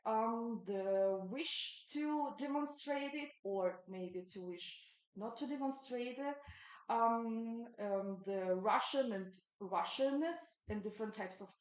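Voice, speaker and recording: A woman in her thirties from Ukraine, giving an academic conference talk in a halting way, full of ums and uhs. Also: fairly high pitch, reverberant, rough recording. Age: 30s. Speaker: conference presenter.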